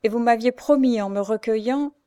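A woman's voice: on the high side, no echo, studio quality, voice pushed up, close to an everyday voice. A woman voicing a tearful blind young girl. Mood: pleading. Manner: soft, slow pleading. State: sobbing, tearful. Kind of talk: audiobook character reading.

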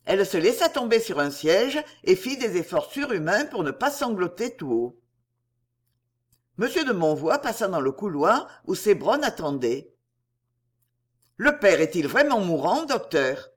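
An audiobook reader narrating a novel with an expressive delivery. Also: medium pitch, moderate pace. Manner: expressive, lively reading. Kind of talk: novel reading.

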